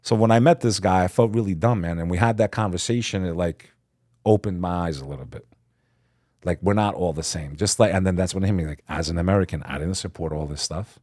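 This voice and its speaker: A man's voice: sits low, quick pace, a little mellow, no echo, clean studio sound. A man from Texas, a podcast guest talking earnestly and lecturing on history in casual conversation.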